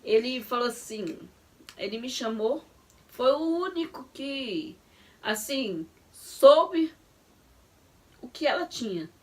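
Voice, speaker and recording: A woman's voice: a little high, expressive, takes it slowly, pauses often. A middle-aged woman, telling a story vividly and acting out the dialogue. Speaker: guest, vlogger's mother. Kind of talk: personal testimony chat.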